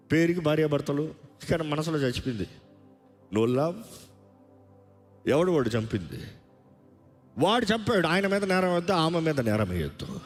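A male pastor preaching a sermon, pressing his listeners with rapid rhetorical questions and calling on the congregation to answer aloud. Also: a little high, in a large hall. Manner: calls on the congregation to respond aloud.

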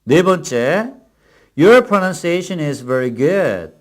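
Man, Korean native speaker, English teacher, slow deliberate delivery, drilling phrases. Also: a little high, sing-song. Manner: slow, carefully enunciated English model phrases between brisk explanations. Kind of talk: language lesson with repeat-after-me drills.

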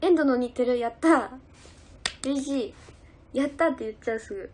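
A woman's voice: high voice, brisk, a little mellow, slight background noise. A young woman idol chatting casually on a livestream, giggling as she reads out and answers viewer comments. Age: young adult.

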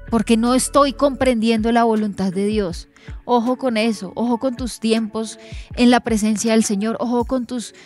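A Colombian woman in her thirties preaches in earnest, her voice sitting a little high. She acts out quotes as she goes. Soft music plays faintly behind her. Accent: Colombian Spanish. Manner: earnest, with lively acted-out quotes. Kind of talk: sermon. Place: church stage.

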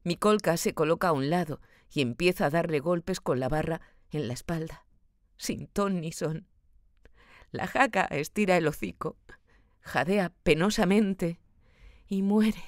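A woman narrating a literary audiobook in a slow, measured, dramatic and expressive way. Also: fairly low pitch, dry recording, clean studio sound.

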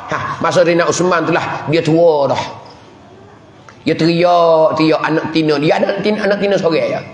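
A man with a Patani Malay accent from southern Thailand speaks in a high, slightly bright voice. He is a religious teacher delivering a sermon in a village mosque, telling stories with chuckles and chanting prayers. The recording, made from a distance in the mosque hall, is echoey.

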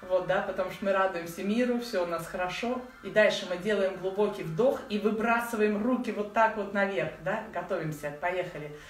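A woman in her forties leads a beginners' practice in a chatty, informal way, sprinkling in affectionate diminutives. Her voice sits at a middling pitch. She is recorded at home some way from the mic, with noticeable room echo. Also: fairly quick, hardly any pauses. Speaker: breathing practice instructor. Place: living room at home, indoors. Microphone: phone or camera set a little way off. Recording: echoey room, distant mic, faint noise.

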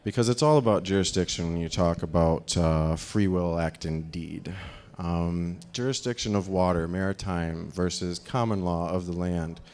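On a dark stage with a handheld mic, a man in his thirties rambles through a live talk at normal speed. His voice is deep, and he uses plenty of fillers.

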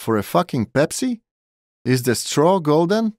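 Young Polish tourist, male, 20s, voiced by a male narrator, wary and curt, a touch higher than the narrator; dry studio read. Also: sing-song, takes it slowly, darkish tone, no room sound. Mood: exasperated.

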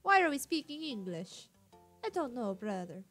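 A woman chatting through a let's play with a playful, self-mocking manner. Her voice sits fairly high and swings widely in pitch as she jokes along. Faint game music plays underneath. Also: sing-song, moderate pace, a bit bright. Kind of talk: casual game commentary.

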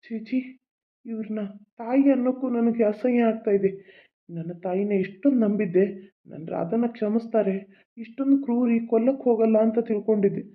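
A man's voice: very high voice, steady tone, normal speed. Cartoon husband lamenting his lost child, a performer's pleading tone, tinny line sound. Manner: emotional, pleading. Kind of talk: cartoon voice acting.

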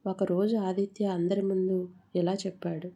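A woman narrating a moral story in a measured storytelling manner, with the odd small slip. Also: mid-range voice, flat delivery, mellow.

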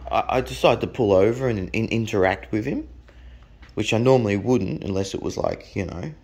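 A man's voice: on the low side, vocal fry, a little mellow. An Australian man telling a blunt, profane anecdote in a rambling, casual way. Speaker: storyteller.

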